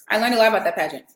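Chatty woman podcaster, echoey room. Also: lowish voice. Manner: chatty, rambling with fillers. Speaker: podcast host. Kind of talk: casual chat.

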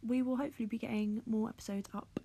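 A woman's voice: fairly high pitch, fairly even intonation, fast, mellow, husky. A young woman co-hosting a casual podcast, chatty and earnest, with a groggy morning voice. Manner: chatty, filler-heavy, earnest. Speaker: podcast co-host.

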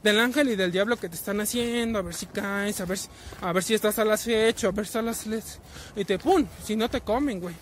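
A man's voice: sits high, fairly quick, fairly bright tone, a little hiss or hum. A man in his twenties with a Mexican Spanish accent, telling stories in a casual, profane rant full of slang and constant güey fillers. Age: 20s. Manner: profane, slang-heavy, fillers of güey after nearly every phrase. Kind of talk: casual ranting storytelling. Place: travelling in a vehicle.

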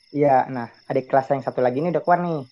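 A man's voice: mid-range voice, racing. A young man, a student guest, recounting a ghost story in a casual, rambling way with frequent hesitations and restarts. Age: young adult. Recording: dull lo-fi sound.

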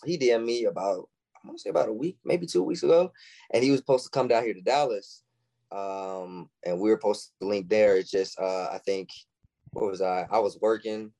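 A young man speaks as a guest on a podcast in a loose, casual way. He keeps acting out little quoted exchanges, so his pitch leaps up and down. The sound is close and dry. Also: fairly quick, gravelly, dry recording, poor audio. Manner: animated, acts out quoted lines in shifting voices. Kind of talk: casual chat.

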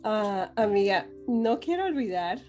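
A woman's voice: medium pitch, very animated, unhurried, dull audio, faint music behind. A woman hosting an interview, encouraging her guest and talking to her viewers. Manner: warm, encouraging, addresses her audience. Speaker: interview host. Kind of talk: casual interview chat.

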